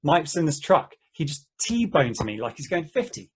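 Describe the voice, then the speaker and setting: Reading at an amateur table read, a man sounds agitated as he voices an excitable, exasperated character casually recounting mishaps. His voice is a little high and husky, at a normal speed.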